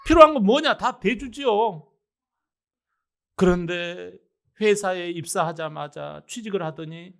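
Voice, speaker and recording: A male pastor delivers a Sunday sermon in a notably high voice. He preaches emphatically and keeps turning to the congregation with rhetorical questions. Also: a bit bright.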